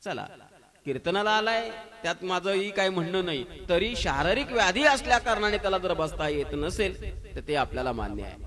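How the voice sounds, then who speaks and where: A man's voice: high-pitched, animated, a little fast, a bit bright. A man with a Marathi accent preaching a devotional sermon at a temple gathering, telling stories with humor and emphatic exclamations. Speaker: kirtan preacher.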